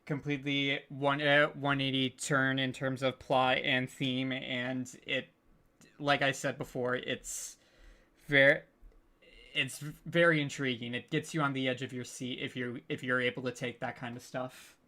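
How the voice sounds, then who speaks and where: A man who produces audio dramas hosts a casual, unscripted panel, speaking in a hesitant, stammering, stop-start way that sounds apologetic and self-deprecating. His medium-pitched voice is bright and pushed, with little pitch movement and an unhurried pace.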